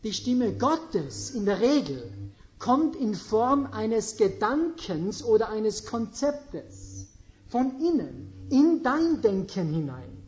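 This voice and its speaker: A woman's voice: fairly high pitch, very animated, slow, a little mellow, highs cut off. A woman preaching a sermon, questioning her audience and stressing her points emphatically.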